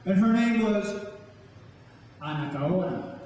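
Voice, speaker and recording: A middle-aged man performs spoken word from a stage at a campus event, chatting informally to the live audience in a high, slightly mellow voice that's animated but slow. The hall is echoey, the mic distant, and there's faint background noise.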